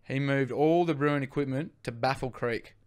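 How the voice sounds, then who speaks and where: A man's voice: medium pitch, normal speed. A young man with an Australian accent, telling his brewing story in a rambling, casual way and swearing now and then. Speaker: brewery co-founder guest.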